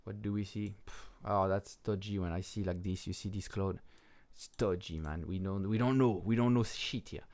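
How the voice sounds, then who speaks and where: A man with a French accent and French as his first language, talking through crypto charts in a casual, halting way with many pauses and restarts, and swearing bluntly now and then. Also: sits low, fairly even intonation, a little mellow. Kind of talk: casual market commentary over charts.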